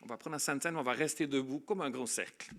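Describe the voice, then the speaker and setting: A man preaching a sermon as pastor, earnest, moving between soft reflective passages and emphatic declarations. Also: mid-range voice, fast.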